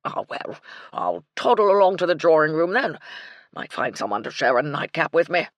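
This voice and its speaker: In this audiobook, a woman with a deep, sing-song voice plays a tipsy, blustering old English army colonel, bluff and clipped and full of old-fashioned slang. She keeps a moderate pace, and the recording has no room sound.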